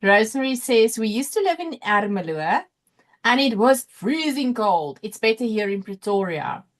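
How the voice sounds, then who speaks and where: South african lady, highish voice, chatty informal live stream host reading comments out. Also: very animated, normal speed. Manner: chatty, informal, thinking aloud. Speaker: livestream host and crafter. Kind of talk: casual live chat, reading out viewer comments.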